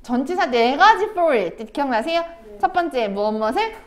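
A high-voiced woman teaching a recorded English lesson, her pitch swinging up and down as she jokes with students at home. She chats, teases and laughs as she walks through each sentence. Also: sing-song, moderate pace. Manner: chatty, teasing, acts out little family scenes; laughs often while talking. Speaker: middle school English teacher.

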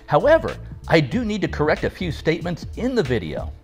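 An older man in his sixties talks through a prepared response at home, his pitch swinging widely from phrase to phrase. He explains things step by step with a dry, wry edge, and faint music runs underneath. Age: 60s. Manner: animated, measured explanation with wry asides. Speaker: father responding to a video. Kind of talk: scripted video response. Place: home room, seated in leather armchair.

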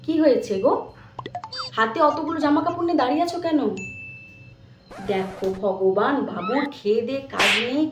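A woman playing a kind, fussy mother-in-law who coaxes her new daughter-in-law along in a comedy sketch, talking fast. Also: high voice, lo-fi sound, close to an everyday voice. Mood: coaxing. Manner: fussy, coaxing, talks fast. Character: doting kind mother-in-law, middle-aged, fussing over her son's wife. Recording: echoey room with faint noise.

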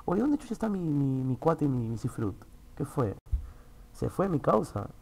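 Excitable Peruvian man streaming. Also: normal speed, gravelly, breathy edge. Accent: Peruvian Spanish. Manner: excitable, swears freely, swings from loud outbursts to low muttering. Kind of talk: casual livestream chat. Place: internet café booth.

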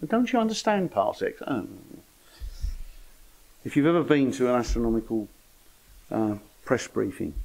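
A man's voice: lowish voice, vocal fry, darkish tone, poor audio. An older man giving an informal lecture to an astronomy club, with dry, wry humour and chatty asides. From England.

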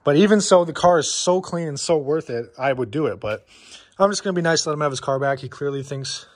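A man's voice: on the high side, expressive, fairly quick. A young man telling a casual story-time vlog outdoors in the cold, out of breath, rambling with lots of fillers. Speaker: car vlogger.

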